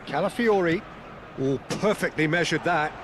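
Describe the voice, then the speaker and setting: A man giving broadcast-style football play-by-play commentary in a lively, energetic manner. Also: fairly high pitch, normal speed, background noise. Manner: lively, building to excited calls.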